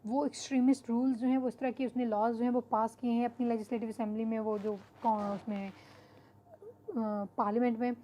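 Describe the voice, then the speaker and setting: Woman, online lecturer, fairly high voice, mellow tone, explanatory manner. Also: little pitch movement, brisk, a little hiss or hum. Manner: explanatory, mixes English terms into Hindi-Urdu, frequent fillers. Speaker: teacher.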